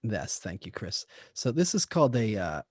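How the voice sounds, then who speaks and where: Low-voiced man talking hesitantly. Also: sing-song, slightly rough, no echo, studio quality. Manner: hesitant and measured. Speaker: podcast co-host. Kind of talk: casual conversation.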